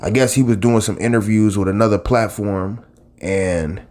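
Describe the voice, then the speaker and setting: Deep-voiced and speaking at normal speed in a steady, darkish tone, this man in his late thirties is a YouTube blogger and channel host. He talks casually straight to camera, rambling conversationally with many restarts and asides.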